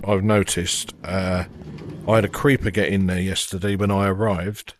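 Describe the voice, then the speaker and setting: A man with a low-pitched voice talks through his gameplay in an easygoing, thinking-aloud way, full of little ums and uhs. A faint hiss of noise sits under the recording. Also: moderate pace. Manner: relaxed, thinking aloud with many fillers. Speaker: gaming channel host. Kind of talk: casual gameplay commentary.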